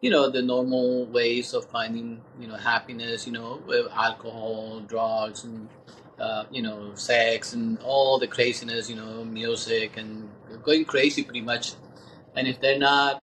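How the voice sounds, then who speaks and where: A man in his sixties talks as an interview guest, thoughtful and unhurried in his reflection. He halts and pauses as he gathers his words, in a middle-pitched voice. A faint hiss sits behind him. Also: level tone, a bit bright, rough recording. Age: 60s. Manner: thoughtful, halting, many pauses.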